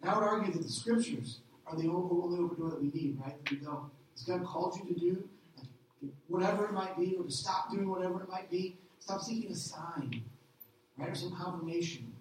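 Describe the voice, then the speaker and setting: A middle-aged man preaching a sermon as a pastor, animated, asking rhetorical questions and acting out little voices. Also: high voice, fairly quick, slight background noise. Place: church hall. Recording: echoey hall, distant mic.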